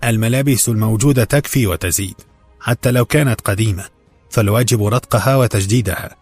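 A man voicing a stingy middle-aged Egyptian husband who speaks calmly and sarcastically, with a husky voice. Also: lowish voice, fast, dry recording, faint music behind. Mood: lecturing. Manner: calm, dismissive, sarcastic.

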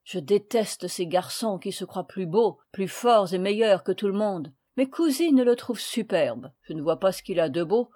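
A woman's voice: mid-range voice, a little mellow, lightly acted. A woman reading aloud, voicing a jealous, spiteful boy who sneers at his rival in a storybook. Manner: spiteful and scornful.

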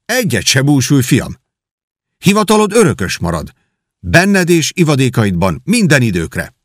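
A man's voice: medium pitch, wildly swooping pitch, dry recording, clean studio sound, pitched above the performer's own voice. A man voicing a beggar boy posing as a young king, who questions in puzzlement and gives orders grandly. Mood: magnanimous.

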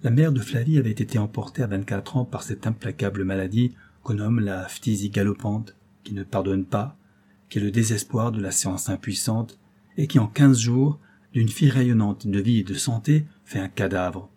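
A man narrating a classic novel as an audiobook in a measured, low-keyed storytelling manner. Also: mellow, breathy edge. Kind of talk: scripted literary narration.

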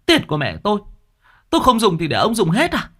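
A man's voice: high voice, wildly swooping pitch, fairly quick, pushed and bright, pitched above the performer's own voice, full character voice. A man voicing a furious, desperate young village woman who shrieks her accusations in a ghost story. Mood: screaming accusation.

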